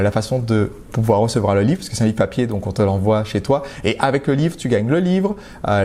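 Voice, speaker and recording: A man's voice: mid-range voice, mellow. A man from France hosting a live stream, talking to viewers in a chatty, direct way with frequent hesitations and restarts. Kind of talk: casual live-stream talk.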